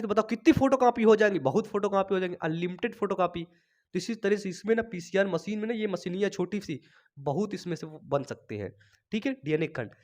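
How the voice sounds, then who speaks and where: A young man teaching a biology lesson for board exams, chatty, quizzing students and answering himself, with a cold that keeps him coughing. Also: sits high.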